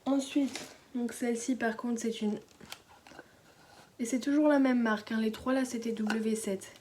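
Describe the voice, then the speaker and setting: Hushed teenage girl showing a beauty haul. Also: a little high, fairly even intonation, measured pace, background noise. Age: late teens. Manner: hushed, often dropping to a whisper; chatty with many fillers and restarts. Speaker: beauty vlogger. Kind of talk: casual product haul. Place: at home indoors.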